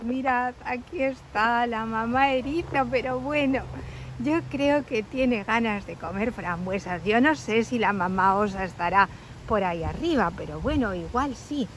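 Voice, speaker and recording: A woman narrating a toy-play story for children, speaking gently and addressing young listeners directly. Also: fairly high pitch, slight background noise, low-quality recording.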